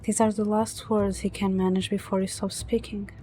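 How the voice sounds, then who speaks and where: Even-toned woman narrating a visual novel. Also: medium pitch, normal speed, faint music behind. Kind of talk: read-aloud story narration.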